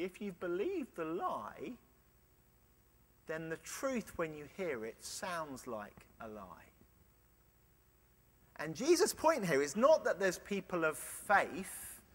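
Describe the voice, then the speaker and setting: A man preaching a sermon, earnest, with playful illustrations and quiet emphasis. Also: on the high side, slightly rough. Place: large church. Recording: long church reverb.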